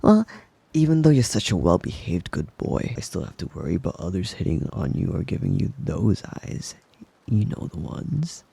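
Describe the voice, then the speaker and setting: A man plays a possessive, doting, menacingly devoted wolf boy lover in an intimate ASMR roleplay, his low, mellow voice breathy and husky with big pitch swings and frequent slips into a whisper. His delivery is exaggerated, slow, tender, teasing and giggly, with no echo.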